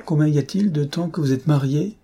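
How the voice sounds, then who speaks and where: A gentle elderly countess, as a male narrator puts her on, speaking in measured, kindly phrases from a read-aloud novel. Her voice is slightly raised and mellow, with a husky edge. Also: fairly high pitch, pitched above the performer's own voice. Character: old dowager countess, gentle and affectionate.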